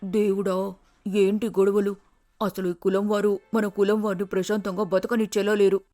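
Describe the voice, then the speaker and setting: A man's voice: sits high, little pitch movement, moderate pace, warm tone, no echo, faint music behind, voice pushed up, close to an everyday voice. A man voicing a frightened, urgent middle-aged village mother in a cartoon story.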